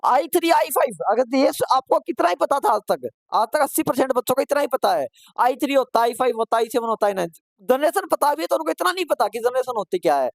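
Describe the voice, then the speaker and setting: A man's voice: very high voice, no room sound. Guy teaching a computer class online, keeps asking stuff n answering it himself, pushy, dry sound. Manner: asks questions and answers them himself; repetitive, urges students to answer quickly. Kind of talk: live online class lecture.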